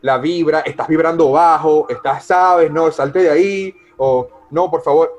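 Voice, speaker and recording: A man with a fairly high voice leads a live coaching session on a video call, unhurried but emphatic. He addresses listeners by name and frequently corrects himself.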